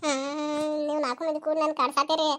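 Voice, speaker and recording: A sulky little village girl, voiced by a woman, whines and complains in a high, quick voice. She has a North Karnataka Kannada accent and threatens to fetch her mother. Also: little pitch movement, background noise, close to an everyday voice. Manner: whiny, complaining.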